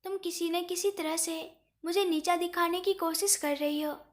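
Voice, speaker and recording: A woman reading the lines of a short-tempered young husband in a storybook tale, in a gruff, taunting manner. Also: extremely high pitch, steady tone, normal speed. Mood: irritated.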